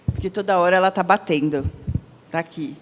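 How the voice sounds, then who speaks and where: A woman's voice: on the low side, brisk, a little hiss or hum. A woman with a Brazilian Portuguese accent giving a public lecture, chatty and conversational, asking the audience questions and acting out quoted dialogue in her own voice. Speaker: lecturer at a spiritist center. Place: lecture hall. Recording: long hall reverb.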